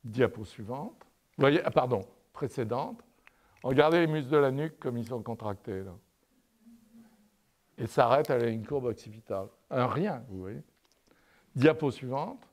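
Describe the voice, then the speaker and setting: A male lecturer giving a university lecture over slides. He tells a story in a halting way and keeps adding "n'est-ce pas?". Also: medium pitch, animated. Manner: hesitant, with many "euh" and restarts. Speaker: lecturer in artistic anatomy. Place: lecture room, commenting on projected slides.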